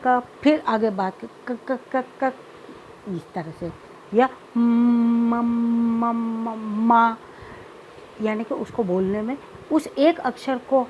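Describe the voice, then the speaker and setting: A woman lecturer explaining childhood speech disorders in a measured teaching manner, slipping English terms into her explanations. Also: fairly high pitch, slight background noise, poor audio. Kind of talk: recorded lecture.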